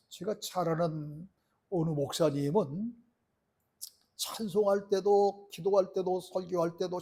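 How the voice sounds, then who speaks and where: Middle-aged male pastor, earnest sermon delivery, high husky voice. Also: mellow. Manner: earnest preaching with rhetorical questions to the congregation.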